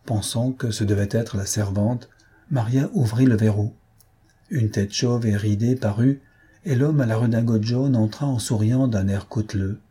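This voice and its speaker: A man reading a literary story aloud in a measured way, phrase by phrase. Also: medium pitch, dark tone, slightly rough. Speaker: narrator.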